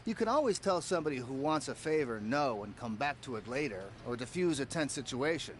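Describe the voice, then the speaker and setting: A man's voice: medium pitch, expressive, a little fast, a little hiss or hum, natural voice. An actor playing a friendly, older male cameraman who patiently explains things to a newcomer in video game dialogue. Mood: advising. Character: friendly veteran male cameraman, helpful mentor.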